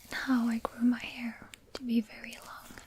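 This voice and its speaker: A young woman whispering softly and slowly, talking close and intimate in an ASMR video. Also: a little high, flat delivery. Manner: slow, soft, intimate whispering. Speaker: ASMR creator.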